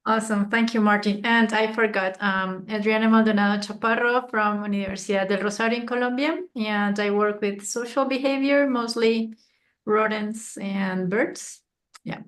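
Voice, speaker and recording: A woman with a middle-pitched voice asks a question and moderates the seminar Q&A. She speaks briefly, with fillers like "like". She is heard over a video call. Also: steady tone, moderate pace.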